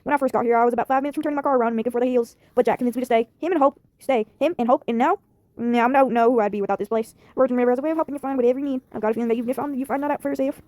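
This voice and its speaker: Girl doing a friendly small-town lady, chatty and upbeat, high voice, quick. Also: mellow, dry recording, close to an everyday voice.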